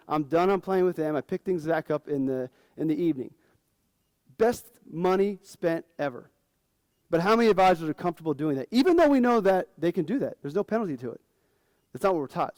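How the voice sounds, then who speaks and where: A man's voice: on the high side, darkish tone, no echo. A man in his forties, a financial advisor, giving a casual, frank conference talk to fellow advisors.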